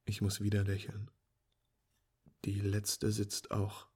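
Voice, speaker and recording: Male first-person narrator, low husky voice, calm and wry delivery. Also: slow. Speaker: storyteller.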